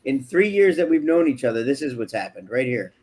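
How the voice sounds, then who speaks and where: A man's voice: mid-range voice, very animated, fairly quick, crowd noise. A man chatting casually on a stream, teasing and sarcastic in a dry way. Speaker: stream co-host. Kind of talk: casual chat. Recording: noisy background hiss.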